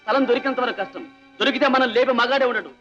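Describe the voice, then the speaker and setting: A sarcastic, slighted friend. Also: male voice, very high-pitched, racing, pushed and bright, faint music behind. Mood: offended. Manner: sarcastic, offended. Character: sarcastic insulted young friend. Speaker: friend of the son-in-law. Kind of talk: film melodrama acting. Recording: dull old film soundtrack.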